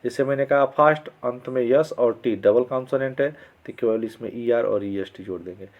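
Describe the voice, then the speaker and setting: A man teaching English grammar as a lesson, explaining in Hindi. He reads the English examples slowly and often checks that his students are following. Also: medium pitch. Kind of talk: classroom-style grammar lesson. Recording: slightly dull lo-fi sound.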